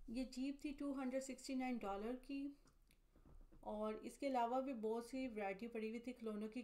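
Woman vlogger, somewhat high voice, even scripted voice-over, matter-of-fact price listing. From Pakistan. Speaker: vlogger, mother. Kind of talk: scripted voice-over narration of a store tour.

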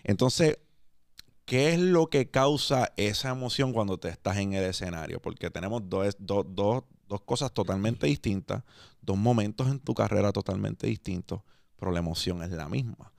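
A man's voice: on the low side, normal speed, gravelly, a little mellow, dry recording, clean studio sound. A man with a Puerto Rican accent hosting a podcast, laid-back and slangy, slipping English words into his Spanish. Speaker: podcast host. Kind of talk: casual interview. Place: podcast studio.

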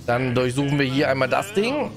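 This is live gameplay commentary from a male streamer who greets and chats with his audience while playing, frequently adding a questioning "ne?" to his lines. He speaks fairly quickly in a sing-song, medium-pitched voice over background music.

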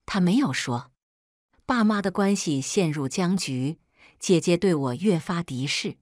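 Woman reading a sad family story, low voice, dry close sound. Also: darkish tone, dry recording. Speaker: narrator. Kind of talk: first-person scripted story narration.

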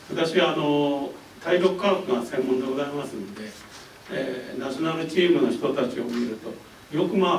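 An older man, president of an amateur sports association, giving a measured, formal press conference speech with frequent pauses. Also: on the high side, slight background noise. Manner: measured and formal, pausing with fillers. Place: indoor press conference room. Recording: roomy, mic a bit distant.

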